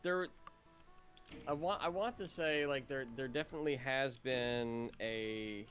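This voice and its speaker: A man's voice: mid-range voice, unhurried, a bit bright, faint music behind. A man co-hosting a casual gaming podcast, rambling with many restarts and fillers. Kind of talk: casual chat.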